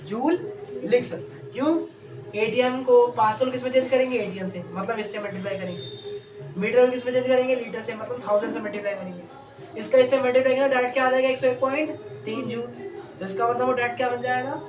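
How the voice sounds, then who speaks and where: A woman's voice: fairly high pitch, fast, background noise. A woman chemistry teacher giving an exam-prep lecture, asking questions and answering them herself while repeating key terms. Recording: echoey room, distant mic, background music.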